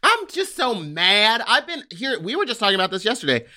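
A man in his early thirties talking as a podcast co-host, emphatic and given to exasperated outbursts. His voice is bright and fairly high, and it moves a lot in pitch. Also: huge pitch swings, fairly quick. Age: 30s. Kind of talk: casual chat.

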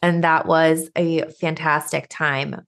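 This is a woman in her thirties co-hosting a podcast in a relaxed, chatty way. Her voice sits a bit on the low side. She laughs easily and keeps things upbeat. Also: takes it slowly, gravelly. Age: 30s. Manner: friendly, laughing often, upbeat. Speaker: podcast co-host. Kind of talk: casual chat.

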